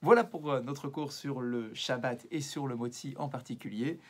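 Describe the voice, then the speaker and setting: A man teaches an evening religious lesson as a rabbi, in a voice of ordinary middle pitch. He explains step by step, checks in with his listeners, and slips Hebrew passages in among his hesitant, thoughtful phrasing. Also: normal speed, slightly rough. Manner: explanatory, weaves Hebrew passages into French, frequent "euh" and "d'accord".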